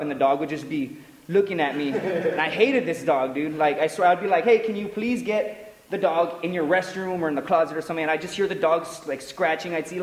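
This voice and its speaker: A young man telling a story to camera in an animated, profane way, calling the listener "dude" over and over. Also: fairly high pitch. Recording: echoey room with music behind.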